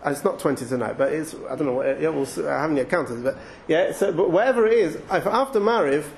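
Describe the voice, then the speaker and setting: A man's voice: fairly high pitch, fast talker, vocal fry, slight background noise. Chatty English man teaching Torah. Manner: chatty, thinks aloud with restarts and asides. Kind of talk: informal Torah talk.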